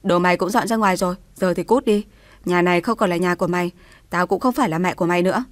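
A woman reads as a furious older mother-in-law, spitting harsh insults in fast, loud bursts. The voice sits low and sounds dry and close, like a storybook read-aloud. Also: dry recording, close to an everyday voice. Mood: furious scolding. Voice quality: harsh, scolding.

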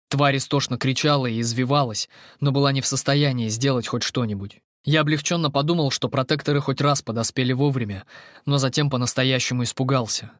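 A man reading first-person fantasy audiobook narration in a steady, measured way. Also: mid-range voice, no room sound, clean studio sound.

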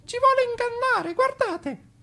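Shrill, terrified little goat kids from a radio storybook squeal in a piercing high register. Their lines jump around in pitch and come out loud and scolding. A faint bed of music plays underneath. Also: male voice, sing-song, moderate pace, full character voice. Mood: shrill, alarmed.

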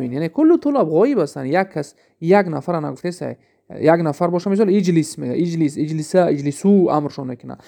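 Tajik-accented male teacher, gravelly, slightly high; slow reading, lots of rhetorical questions. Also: dark tone. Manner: reads Arabic lines slowly, then explains them, with many asides and rhetorical questions. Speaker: Arabic grammar teacher. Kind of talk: recorded lesson explaining a textbook.

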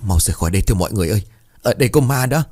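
A man's voice: lowish voice, expressive, rapid-fire, warm tone, husky. A man voicing a frightened middle-aged village husband who stammers in panic, in a spoken ghost story. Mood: panicked.

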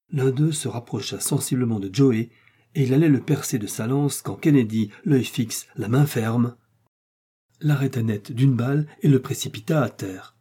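A man narrating an audiobook with a steady, expressive reading. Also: mid-range voice, slightly rough.

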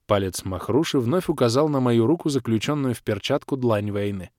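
A man reads a fantasy audiobook in the first person, with a medium pitch and a very lively, animated melody. The recording is dry and close, with no room sound. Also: brisk, dry recording. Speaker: audiobook narrator.

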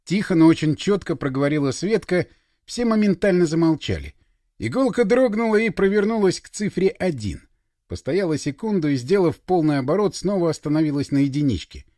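Lively male storyteller, dry close sound. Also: fairly high pitch, brisk, dry recording. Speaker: audiobook narrator. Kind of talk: scripted narration.

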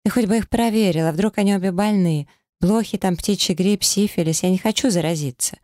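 A reader voicing a spoiled, panicky young trophy wife who squeals and whines, in an audiobook. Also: female voice, medium pitch, brisk, warm tone, no echo, clean studio sound, voice pushed up, natural voice. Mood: shrill panic. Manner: squealing, whiny. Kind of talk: audiobook character voice.

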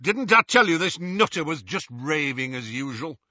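A man voicing a brutal, sneering dark wizard in an audiobook, with a rough, menacing, mocking delivery. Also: a little high, expressive, moderate pace, no room sound, lo-fi sound, voice pushed up, full character voice. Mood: scornful.

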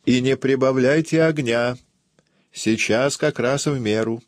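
A man's voice: low-pitched, very animated, slow pace, dry recording, studio quality, heavily acted. A man voicing a kindly, fussy older aunt who chatters in a confiding way. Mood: fussing. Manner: warm confiding chatter, raised voice.

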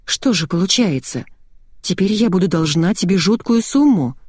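A woman reading an audiobook voices a frightened, tearful young woman who squeals and pleads anxiously, in a husky voice. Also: mid-range voice, expressive, normal speed, darkish tone, no room sound. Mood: alarmed.

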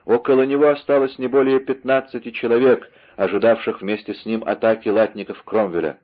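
A man narrating an adventure novel aloud in a dramatic, lively reading style, on a slightly dull recording. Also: medium pitch, a little fast. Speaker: audiobook narrator. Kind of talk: scripted narration.

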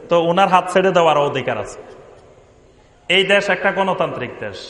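A man's voice: high-pitched, a bit bright. A man, an imam, answering a question in a sermon and driving his point home with repeated rhetorical questions. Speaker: imam and Islamic preacher. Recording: echoey hall with long reverb.

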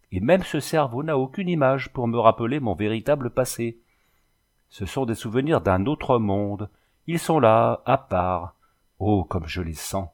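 A man voicing a pale, haunted young woman vampire in a storybook reading, hushed and plaintive. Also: mid-range voice, natural voice.

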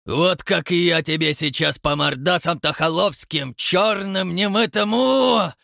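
A man's voice: mid-range voice, sing-song, unhurried, no echo, studio quality. A man voicing a pompous, grey-bearded old man posing as a count, grandiose and menacing. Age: older.

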